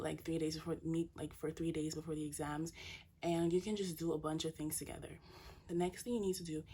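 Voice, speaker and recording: Young woman student vlogger, low mellow husky voice, chatty. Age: young adult. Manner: chatty, heavy on "like" fillers. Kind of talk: casual advice vlog.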